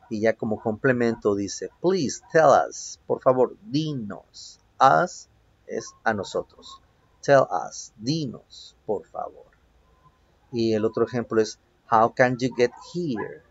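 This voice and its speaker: A man's voice: lowish voice, vocal fry, slightly rough, dry recording, muffled recording. A man teaching English to Spanish-speaking children, patiently repeating each phrase in both languages and checking "ok?" after each point. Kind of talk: home-learning video lesson. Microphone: phone.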